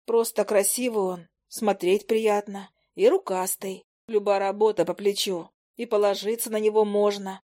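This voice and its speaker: A woman's voice: medium pitch, steady tone, moderate pace, hardly any pauses, dark tone, lightly acted. A woman as a flustered young witch. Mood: musing.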